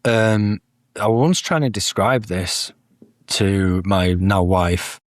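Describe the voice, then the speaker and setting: A man's voice: lowish voice, takes it slowly, no room sound, clean studio sound. A man as a guest in a casual spiritual conversation, speaking thoughtfully with many "um"s and self-corrections. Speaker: podcast guest.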